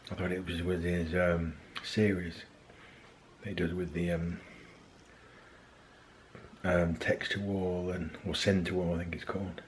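A deep male voice with little pitch movement speaks at a measured pace, with slight background noise. The vlogger, in his thirties, hesitantly rambles with many ums in a casual daily vlog, handheld camera at arm's length. Filming begins in an outdoor park, moves to a car and ends at home.

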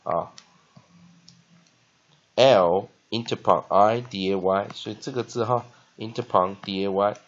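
A man teaching English vocabulary, spelling words out letter by letter and filling pauses with short fillers. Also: on the low side, steady tone, lo-fi sound. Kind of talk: spelling and phonics lesson.

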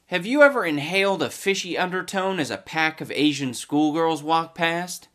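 A man's voice: fairly high pitch, expressive, moderate pace, fairly bright tone. A young man hosting a comedy commentary video, talking in a crude, mocking way and sliding into goofy voices. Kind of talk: sarcastic commentary.

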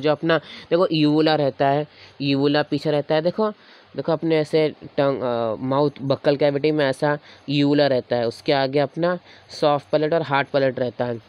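A man's voice: fairly high pitch, clear, resonant tone. A man teaching a grammar lesson, patiently repeating each sound aloud to demonstrate it. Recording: dull lo-fi recording.

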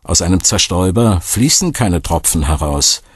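A man reading an audiobook voices a suspicious, sharp-tongued woman who pries into everything, lifting his deep, husky voice higher for her. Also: expressive, normal speed, no room sound, studio quality. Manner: suspicious and prying, sometimes delighted.

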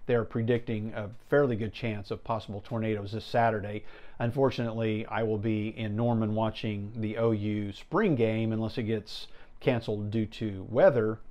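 A man's voice: on the low side, darkish tone. American man in his fifties, casual rambling podcaster. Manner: rambling, conversational storytelling. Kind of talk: casual solo podcast chat. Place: small indoor room with brick wall and shelves. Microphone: lapel mic.

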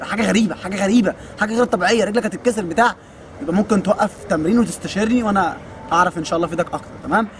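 A man's voice: sits high, background noise. A man in his twenties with an Egyptian accent, a kung fu coach answering viewer questions in a joking, teasing way. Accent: Egyptian Arabic. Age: 20s. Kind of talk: casual Q&A.

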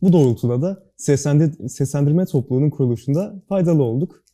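Speaking as a guest, this young student club board member has a very dark, mellow voice pitched fairly high, with lively intonation. He rattles off earnest answers at a quick clip, enunciating precisely and keeping things formal and serious throughout.

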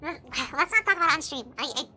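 A woman plays a nervous young robot girl in a cartoon, with a very high, bright voice that swings widely in pitch and a stammering way of talking. Music sits under her. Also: expressive, fast, heavily acted. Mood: pleading. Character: jittery, eager young female robot streamer. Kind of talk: fan-animation voice acting.

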